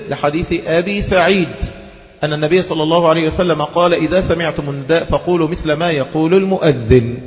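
A man teaching a religious lesson, chanting the call to prayer slowly between explanations. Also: a little high. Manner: teaching in formal Arabic with colloquial asides, chanting examples slowly. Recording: dull lo-fi audio with long hall reverb.

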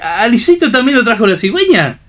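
A man's voice: very high-pitched, very animated, fast, fairly bright tone, heavily acted. A man voicing a grumpy, sleepy father and a cheeky, mocking teenage son in a radio theatre reading. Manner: gruff and mocking.

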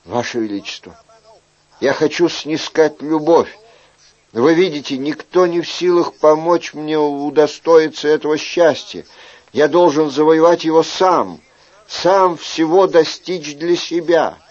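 Мужчина играет пылкого юного придворного. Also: male voice, a little high, unhurried, darkish tone, lo-fi sound, pitched above the performer's own voice, lightly acted. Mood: fervent. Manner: fervent, pleading. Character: young male courtier, earnest and lovesick.

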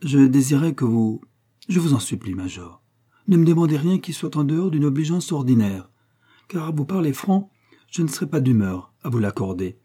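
A man voicing a jealous, sharp-tongued middle-aged widow in a storybook reading, speaking shrilly and vehemently. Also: a little high, lively intonation, normal speed, husky, pitched above the performer's own voice.

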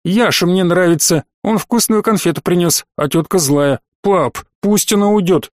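A man's voice: high-pitched, moderate pace, dry recording, clean studio sound, natural voice. A man reading an audiobook, voicing a stubborn, whiny little boy who pleads and insists.

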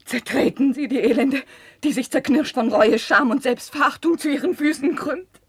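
An actress playing a distraught, guilt-stricken young princess in a theatrical, declamatory 1950s German radio drama style. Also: female voice, high voice, normal speed, dry recording. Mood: desperate, remorseful. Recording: dry 1950s radio studio recording.

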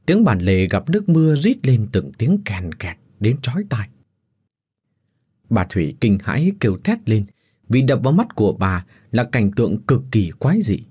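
A man narrating a rural horror story in a steady, suspenseful manner. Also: lowish voice, slightly rough.

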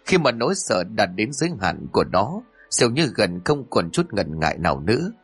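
Brief: male storyteller, husky low voice, animated delivery, faint music bed. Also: moderate pace. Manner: dramatic, expressive reading. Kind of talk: scripted horror story narration. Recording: narration over faint music.

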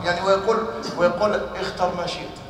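A man's voice: sits high, steady tone, quick pace, fairly bright tone, a little hiss or hum. A man teaching a class, asking the students questions and then answering them himself. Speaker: teacher of religious texts. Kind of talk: classroom lecture. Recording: echoey hall from far off.

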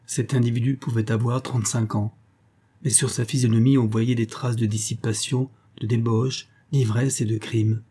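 A man narrating a novel aloud in a measured, even reading style. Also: medium pitch, slightly rough. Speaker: audiobook reader. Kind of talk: scripted narration.

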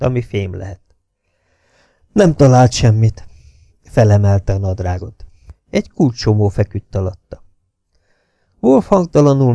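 Man, audiobook narration, gravelly, mellow dark tone, measured pace with hushed moments. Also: fairly low pitch, no room sound. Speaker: audiobook reader. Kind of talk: scripted novel narration.

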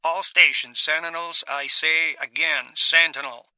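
A man's voice: fairly high pitch, fairly even intonation, unhurried, pushed and bright, no room sound, voice pushed up. A man voicing a crackly radio controller. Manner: clipped, formal radio call. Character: male naval radio controller, curt and official. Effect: crackly radio transmission.

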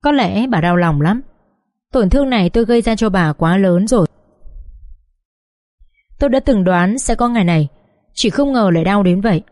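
Woman narrator, audiobook reading, sorrowful, confessional, medium pitch, dry recording. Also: animated, normal speed, long pauses, a little mellow, no echo. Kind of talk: dramatic first-person story reading.

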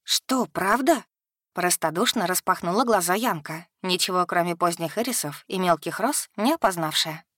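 A woman narrating a fantasy story in an even, unhurried reading. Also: lowish voice, no echo, clean studio sound. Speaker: audiobook narrator.

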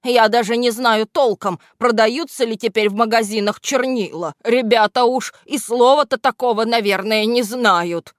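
A woman's voice: a little high, moderate pace, hardly any pauses, dry recording, clean studio sound, pitched above the performer's own voice, close to an everyday voice. A woman doing a meddling blot henchman. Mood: grumbling. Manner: meddling, grumbling. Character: sly grumbling male blot henchman. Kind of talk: storybook reading.

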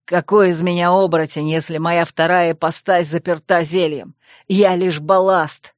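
A man's voice: fairly high pitch, level tone, moderate pace, dry recording, studio quality, lightly acted. A woman reading an audiobook, voicing a proud young male werewolf pack leader who growls curt lines. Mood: bitter.

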